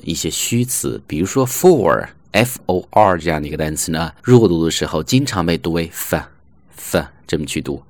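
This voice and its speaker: A man teaching English pronunciation in an online lesson, slowly modeling and repeating example phrases. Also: low voice, a little mellow, no room sound.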